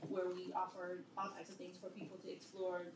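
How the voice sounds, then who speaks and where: A woman's voice: fairly low pitch, monotone, a little fast. A woman writer introducing herself informally as a panelist. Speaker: writer and shop owner on a panel. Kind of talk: casual self-introduction. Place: indoor convention panel room. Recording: echoey noisy room, distant mic.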